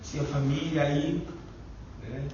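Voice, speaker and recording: A man's voice: fairly high pitch, little pitch movement, takes it slowly, a crowd in the background. Chatty Brazilian man in an echoey hall. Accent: Brazilian Portuguese. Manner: chatty, rambling, fillers like "né" and "e tal". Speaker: Bible study leader sharing testimony. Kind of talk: informal testimony in a Bible study. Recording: echoey, distant, dull lo-fi room recording.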